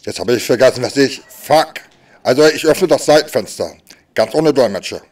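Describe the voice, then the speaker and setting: A man speaking as a sign language voice interpreter, voicing stand-up comedy in a lively way that swings between loud and soft. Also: medium pitch, moderate pace, recorded from a distance.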